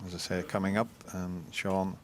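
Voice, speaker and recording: A man giving live snooker commentary in a measured, conversational way. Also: deep voice, little pitch movement, a little hiss or hum.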